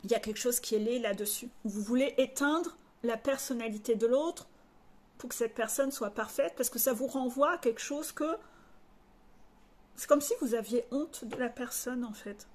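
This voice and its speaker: A woman coach from northern France talks straight to her followers in a candid personal monologue. Her voice sits somewhat high, and her tone is frank and confiding. She drops blunt slang into her talk without softening it. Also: normal speed. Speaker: life coach.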